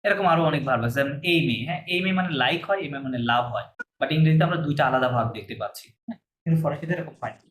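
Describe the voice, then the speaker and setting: A man's voice: on the high side, rapid-fire, fairly bright tone, roomy sound, rough recording. A man with a Bangladeshi Bengali accent teaching a French class over a video call, explaining patiently step by step.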